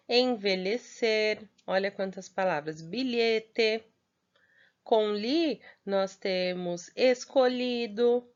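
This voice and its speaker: Brazilian woman teaching small children at home, mid pitch, unhurried and patient, muffled lo-fi sound. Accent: Brazilian Portuguese. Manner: slow, patient, stretches key words, many check-ins. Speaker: primary school teacher. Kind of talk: recorded remote class for young children.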